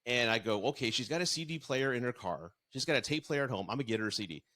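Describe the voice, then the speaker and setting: A middle-aged man with a voice of ordinary pitch, talking earnestly in a relaxed chat. He coaches people on dating and divorce, and he works through stories from his past marriage, acting out the other voices as he goes. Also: fast. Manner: earnest, storytelling with acted-out quotes. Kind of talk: casual podcast conversation.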